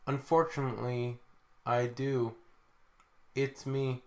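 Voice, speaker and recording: A man voicing a young woman in a stiff, robotic monotone, with a flat, mechanical, drawn-out delivery, as a mock reenactment in a casual chat. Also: mid-range voice. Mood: deadpan.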